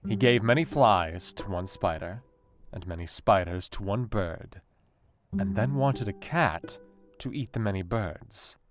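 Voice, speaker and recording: An actor playing a brooding, intellectual Victorian asylum doctor, speaking a measured, formal diary monologue in a radio play. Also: male voice, fairly low pitch, natural voice. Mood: measured, reflective. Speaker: actor in an audio drama. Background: guitar music.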